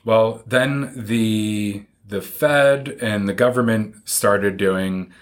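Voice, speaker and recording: A man with a fairly low voice talks as an advisor in an interview. He explains things in plain, informal, conversational language. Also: drawn-out words. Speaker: financial advisor, interview guest.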